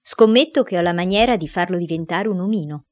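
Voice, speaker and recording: A woman voices a good-hearted storybook lawyer, eloquent and persuasive. He pleads his case at length with a lowish tone. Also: fast talker, close to an everyday voice. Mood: persuading.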